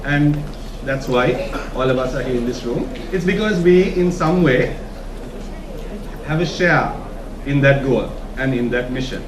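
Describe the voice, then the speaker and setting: A man with a Sri Lankan accent gives an informal talk to a live audience in a conference room, often checking in with listeners through short questions. His mid-range voice is animated and unhurried, with frequent pauses. The recording is noisy and echoey, captured from far off.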